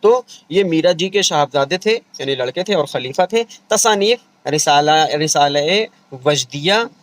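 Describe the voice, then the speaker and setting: A man's voice: a little high, rough recording. Patient man teaching an exam-revision lecture. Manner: explains patiently, repeats points, often checks with "theek hai". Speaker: Urdu exam-prep teacher.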